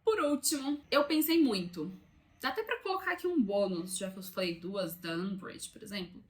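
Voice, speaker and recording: A woman's voice: medium pitch, lively intonation, moderate pace. A young adult woman with a Brazilian Portuguese accent, hosting a casual book vlog in a room by a window and chatting with asides to her viewers. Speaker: book channel host. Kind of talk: casual talking-head vlog.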